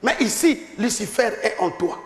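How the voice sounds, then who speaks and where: Male preacher, very high-pitched, emphatic short lines, hall reverb. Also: animated, normal speed, fairly bright tone, slight background noise. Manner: emphatic preaching, calls for amen. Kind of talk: sermon with live interpreter.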